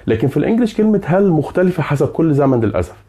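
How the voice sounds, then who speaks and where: A man's voice: on the high side, very animated, rapid-fire, mellow. A man with an Egyptian Arabic accent giving a grammar lesson as a teacher, checking in often with his listeners. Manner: checks in often with "okay?" and "right?". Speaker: English teacher.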